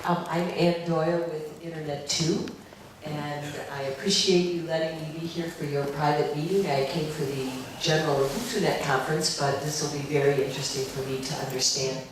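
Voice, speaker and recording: A woman's voice: deep voice, steady tone, normal speed. A woman from the United States, a visiting delegate, giving a gracious self-introduction. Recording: echoey hall, mic far off, noisy.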